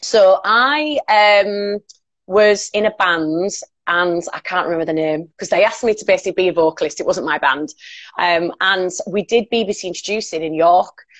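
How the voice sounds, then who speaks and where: Woman, late twenties, Northern English accent, slightly low pitch, close dry sound, informal colloquial anecdotes. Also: moderate pace, fairly bright tone, no room sound. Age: late 20s. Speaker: radio presenter as interview guest. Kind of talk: casual chat, telling anecdotes.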